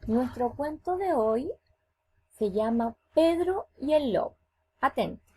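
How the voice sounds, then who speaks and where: A woman teacher with a Chilean accent talking to young children in a virtual class, animated and coaxing, asking them questions. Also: high voice, slow pace, slight background noise. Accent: Chilean Spanish. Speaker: schoolteacher.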